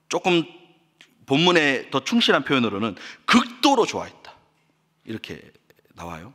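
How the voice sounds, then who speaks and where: A pastor delivers an impassioned sermon whose intensity rises and falls, his mid-range voice bright and forceful. It was recorded in a church sanctuary with long reverb.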